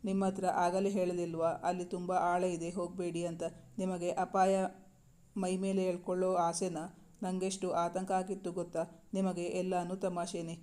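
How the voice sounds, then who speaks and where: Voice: mid-range voice, flat delivery, normal speed, warm tone, close to an everyday voice. A narrator voicing an anxious young woman. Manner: pleading, worried.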